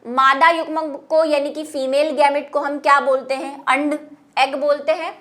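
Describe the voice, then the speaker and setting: High-voiced woman teaching biology. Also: level tone, normal speed, a bit bright. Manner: explanatory, repeats key terms in Hindi and English. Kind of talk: classroom lecture.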